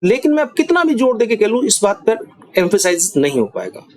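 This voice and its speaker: A man teaching English grammar in Hindi, emphatic and chatty, saying example sentences slowly. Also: high voice, no room sound. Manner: animated, emphatic, chatty with asides.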